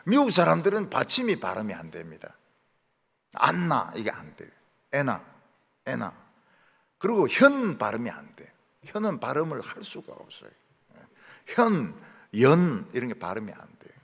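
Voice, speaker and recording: Animated Gyeongsang pastor, gravelly voice. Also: male voice, mid-range voice, moderate pace. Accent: Gyeongsang Korean. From Gyeongsang region, Korea. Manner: animated storytelling, mimicking dialect words. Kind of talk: sermon. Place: large church sanctuary. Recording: long hall reverb.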